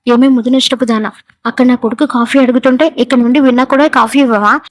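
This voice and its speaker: A woman's voice: fairly high pitch, fairly even intonation, quick pace, dry recording, natural voice. A woman voicing a harsh, domineering middle-aged mother-in-law who scolds with contempt. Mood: scolding.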